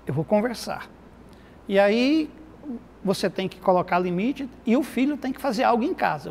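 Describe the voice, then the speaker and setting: A middle-aged man, a pastor and therapist, telling a lively anecdote full of quoted dialogue in a TV studio interview. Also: high-pitched, gravelly. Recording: reverberant studio with faint noise.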